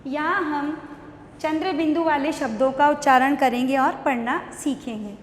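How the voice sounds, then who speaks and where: A woman with an Indian accent teaching young children an online lesson, spelling words slowly syllable by syllable. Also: sits high. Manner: slow, syllable-by-syllable spelling aloud. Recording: echoey room with long reverb.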